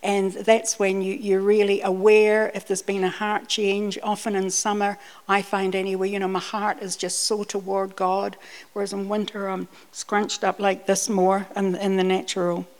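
A woman from Scotland who was brought up in New Zealand preaches a personal sermon laced with stories, speaking conversationally and repeating words on restarts. She talks at a moderate pace with medium pitch, little pitch movement, and a darkish tone.

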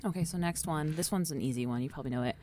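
Very low-voiced chatty woman host. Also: racing, slight background noise. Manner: chatty and lively, laughs easily. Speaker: podcast host. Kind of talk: casual podcast chat.

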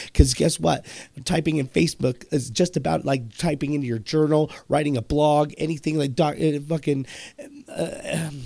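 A gravelly-voiced man rants like a preacher and swears freely. His voice sits a little high for a man, and the recording is dry and close. He drives his points home with blunt emphasis. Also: darkish tone, no room sound. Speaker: podcast host. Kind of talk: ranting monologue.

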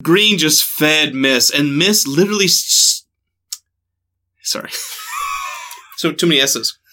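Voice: medium pitch, expressive, slow, sharp tone, raised voice, a little hiss or hum. A podcast co-host chatting casually, laughing and stumbling over words playfully.

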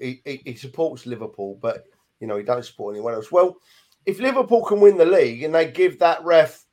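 A man's voice: a little high, darkish tone. A man chatting casually about football on a podcast, emphatic and full of "you know". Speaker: podcast co-host.

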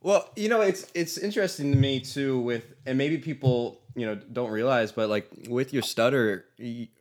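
A man's voice: medium pitch, normal speed. Easygoing male podcast interviewer. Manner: friendly, laughs easily, hedging questions. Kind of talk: casual interview chat.

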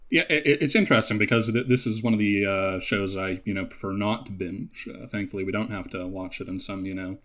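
A man with a Canadian accent, a podcast guest in casual chat, who stammers through many restarts and lets his phrases trail off softly. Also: on the low side, brisk, few pauses.

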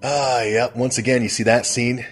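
A man's voice: mid-range voice, steady tone, moderate pace, faint music behind. A man hosting a casual comedic recap of a TV episode, rambling and amused at his own retelling. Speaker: host.

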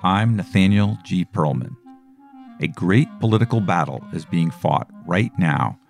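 A man's voice: deep voice, animated, measured pace, gravelly, soft background music. A man hosting a podcast, opening the show and asking his guest plain, conversational questions. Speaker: podcast host. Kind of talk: podcast intro and interviewing.

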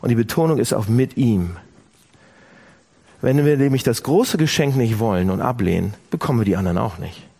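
Animated, husky preacher man. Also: medium pitch, brisk. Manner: animated, addresses listeners directly. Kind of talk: sermon.

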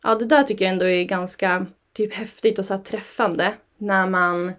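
A young woman talking casually as a parent, telling stories with lively, animated delivery. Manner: animated storytelling, jumps high when quoting. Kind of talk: casual podcast chat.

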